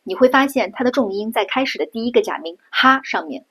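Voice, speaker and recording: A middle-aged woman from China explains pronunciation step by step, repeating each sound patiently. Her voice sits slightly high and has a husky, breathy edge. She talks like a teacher guiding beginners. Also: animated, fairly bright tone. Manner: patient, demonstrating sounds slowly and repeating them. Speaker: Japanese language teacher. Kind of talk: pronunciation lesson.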